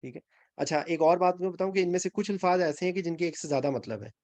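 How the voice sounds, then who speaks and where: A man whose voice sits high but has a darkish tone teaches an online grammar class, with no echo in the recording. He teaches the Quran and Arabic grammar, going step by step and checking on students, and his Urdu is mixed with English phrases.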